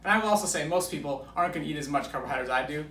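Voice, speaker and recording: Rapid-fire and animated, a fairly high-pitched man in his thirties with a fairly bright tone coaches as a guest in a filmed conversation, explaining enthusiastically and emphatically to drive his key points home. He sits far from the mic, with roomy echo and background noise.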